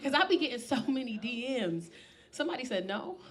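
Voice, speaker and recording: High-pitched New woman, brash stand-up, profane, crowd work, handheld mic. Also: very animated, brisk, heavy background noise. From South Bronx, New York. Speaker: stand-up comedian. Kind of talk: stand-up set. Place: comedy club stage.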